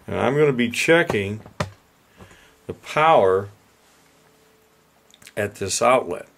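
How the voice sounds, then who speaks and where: An older man with a lowish voice walks through a bench demonstration as a repair instructor. He talks slowly and plainly, in a folksy, easygoing way, picked up by a camera mic in a workshop. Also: lively intonation, vocal fry, a bit bright, a little hiss or hum. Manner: plain-spoken, unhurried, folksy.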